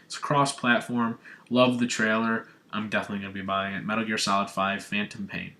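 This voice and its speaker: A young man from Arizona recapping a gaming showcase on his vlog, talking with gushing, excitable fan enthusiasm. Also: on the low side, brisk. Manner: gushing, breathless fanboy enthusiasm. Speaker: gaming vlogger. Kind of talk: excited video game recap.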